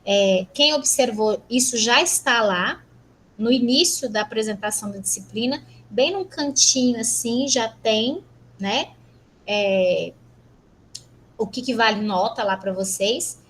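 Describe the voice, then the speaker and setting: A Brazilian woman lecturer teaching an online class, brisk and teasing, asking rhetorical questions. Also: a little high, a bit bright, a little hiss or hum, rough recording. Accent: Brazilian Portuguese. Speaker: university lecturer.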